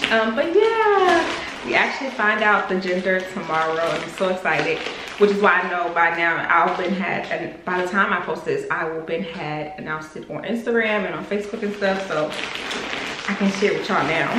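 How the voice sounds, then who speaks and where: A young woman in casual, chatty talk, showing a clothing haul to her viewers and calling them y'all. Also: lowish voice. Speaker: vlogger. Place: room in a house under renovation. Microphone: camera on a desk in front of her. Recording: roomy echo with clear background noise.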